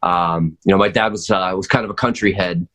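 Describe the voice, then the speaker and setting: Deep and fairly bright, his steady voice moves at a fairly quick clip. The man, an American in his forties from North Wales, Pennsylvania, is a podcast guest reminiscing in easygoing, hesitant casual conversation.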